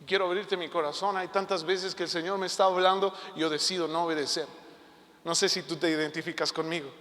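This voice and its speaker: Male preacher; high and bright, impassioned and personal, echoing in a reverberant hall. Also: steady tone, quick pace. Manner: impassioned, personal preaching with repeated rhetorical questions. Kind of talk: online sermon.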